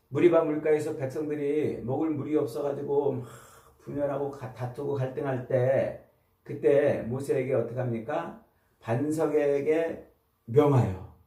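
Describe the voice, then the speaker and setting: A male pastor preaches a sermon, leading his listeners through the text in a patient teaching tone full of rhetorical questions. His voice is mellow and dark at a middle pitch. The sound is roomy and picked up from a distance in a church. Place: church sanctuary. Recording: roomy sound from away from the mic.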